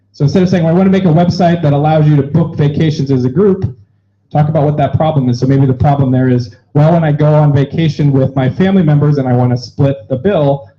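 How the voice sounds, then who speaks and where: A man facilitating an event explains the rules to an audience, staying upbeat and joking with quick asides. His voice is on the high side with a warm tone, captured in dull, lo-fi sound.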